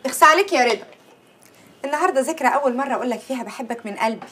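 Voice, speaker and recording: Sassy Egyptian young wife. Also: female voice, high-pitched, rapid-fire, pushed and bright, a little hiss or hum. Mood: bickering. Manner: bickering, affectionate. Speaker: wife, schoolteacher.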